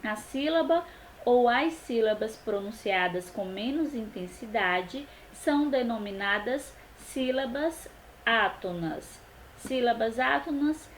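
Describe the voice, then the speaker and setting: A young adult woman, a teacher giving a recorded class, stretching out example words slowly for her students. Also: on the high side, a little hiss or hum, poor audio. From Brazil. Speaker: Portuguese teacher.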